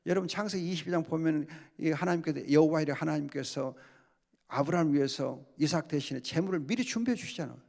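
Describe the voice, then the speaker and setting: A man preaching at a Bible study as pastor, lively, acting out quoted complaints and prayers. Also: fairly high pitch, quick pace, vocal fry.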